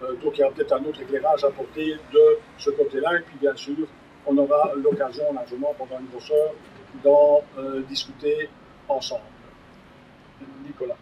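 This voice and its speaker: A man moderates a debate evening and introduces the next speaker in a flat, even tone. He speaks hesitantly, with fillers. The recording is dull and distant, and faint noise sits behind him. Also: mid-range voice, normal speed. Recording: dull, distant mic in a meeting room.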